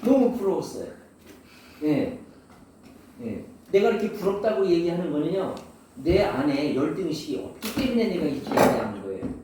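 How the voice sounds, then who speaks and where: A man's voice: fairly high pitch, big pitch swings, normal speed, background noise. A male pastor giving a sermon to students. He asks many rhetorical questions and acts out the voices he quotes. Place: large room at a boarding school. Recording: very echoey room, mic far off.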